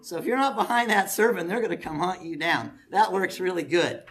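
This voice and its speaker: A man's voice: high voice, fairly quick, fairly bright tone. Folksy male preacher making camp announcements. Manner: folksy, joking, coaxing the crowd to volunteer. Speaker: pastor leading a family camp. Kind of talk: sermon and announcements to a congregation.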